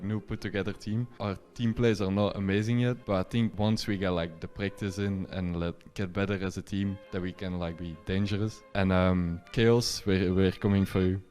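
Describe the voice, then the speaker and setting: A man's voice: on the low side, fairly even intonation, normal speed, hardly any pauses, a little mellow, faint music behind. A young man in his twenties from Belgium, an esports player giving a casual interview and saying "like" a lot. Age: 20s. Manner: casual, peppered with "like".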